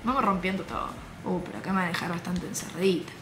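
A young woman with an Argentine accent, commenting on her own gameplay, muttering softly while she plays and breaking into high shrieks. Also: fast talker, background noise. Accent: Argentine Spanish. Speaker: gaming YouTuber.

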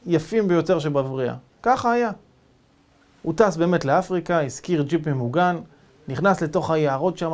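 A rabbi telling a dramatic story in an animated, lively way as a sermon. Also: male voice, fairly high pitch.

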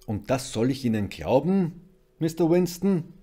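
A man reading aloud voices a gruff village constable who speaks with doubt and scolding disbelief. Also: fairly high pitch, very animated, measured pace, dark tone, voice pushed up. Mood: skeptical. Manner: skeptical, scolding.

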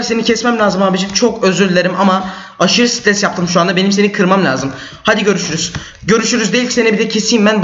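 Teenage boy, gameplay commentary, fairly high voice, excitable and yelling, echoey room, muffled lo-fi mic, keyboard clicks. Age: teens. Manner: excitable, yells and trash-talks at opponents. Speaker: gaming YouTuber. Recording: roomy, dull lo-fi mic.

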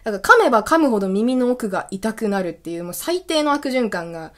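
A woman hosting a casual solo radio talk, telling stories in an animated way and laughing often. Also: a little high, fast talker. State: recovering from illness. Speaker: podcast host.

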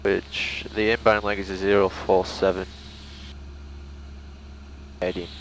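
A young male student pilot talks himself through the flying on a headset. His voice is deep and flat, with faint noise behind it. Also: slow, poor audio. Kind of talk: casual thinking aloud while flying. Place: small plane cockpit in flight. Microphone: aviation headset.

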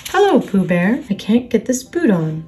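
A woman's voice: medium pitch, big pitch swings, normal speed, warm tone, soft background music, lightly acted. A woman voicing a confident, offhand young boy who is fondly bossy in a children's story. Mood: friendly. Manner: breezy, explaining things carelessly. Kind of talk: children's storybook character reading.

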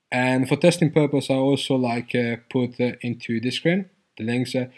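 Man, mid-range voice, casual coding tutorial, hesitant, lots of fillers. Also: mid-range voice. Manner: loose, hesitant, many fillers and restarts. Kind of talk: casual screen-recorded coding walkthrough.

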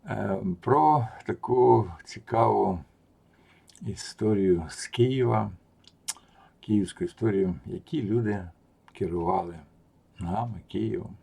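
In a casual spoken style, a man recounts a personal anecdote in a low, gravelly, husky voice. He takes it slowly with long pauses, growing animated and mocking as the story builds and getting louder at the punchlines.

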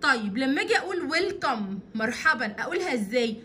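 A woman with an Egyptian Arabic accent teaching an English lesson to young pupils, spelling words out slowly and repeating them. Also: sits high, big pitch swings, sharp tone, slight background noise. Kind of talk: online English lesson for children. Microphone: voice-over on an interactive whiteboard video.

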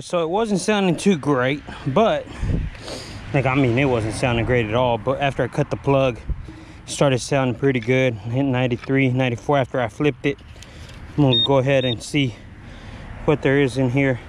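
A man with a drawl talks his way through a metal detecting hunt, a little winded and full of filler words. His voice sits at an ordinary pitch. A faint hum of the outdoors stays underneath. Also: normal speed, long pauses. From Texas. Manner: rambling, with frequent filler words. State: out of breath. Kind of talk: casual narration while digging. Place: outdoors in a humid field.

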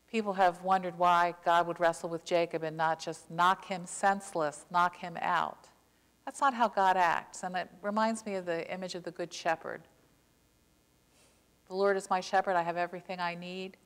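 An older female pastor, her voice pitched fairly low, preaches with earnest passion from the pulpit, her intonation fairly even and smooth. Key words get slow, heavy emphasis to hammer them home. Her clip-on mic carries a long reverb from the sanctuary.

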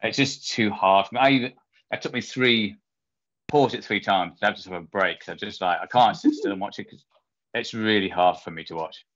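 A man's voice: on the low side, a little fast, a bit bright. A man co-hosting a podcast, talking in a rambling, chatty, amused way. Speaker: podcast co-host. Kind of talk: casual chat. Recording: dull lo-fi podcast audio.

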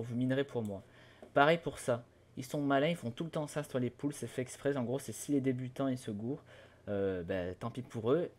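A man's voice: medium pitch, darkish tone. A young man giving a casual screen-recorded tutorial at his computer, hesitant and stumbling over his words, with many fillers. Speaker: tutorial host.

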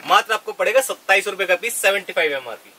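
A man, a shop owner sitting in his cosmetics store and rattling off prices in a sales pitch. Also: animated, fast talker, pushed and bright, distant mic. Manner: salesman listing prices, counting items off. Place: crowded cosmetics shop indoors, seated cross-legged on floor.

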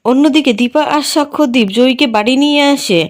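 A woman recaps a television serial's plot in scripted narration. Her voice sits a bit higher than most women's. She reads the characters' lines in the same plain storytelling voice she uses for the rest. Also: a little fast.

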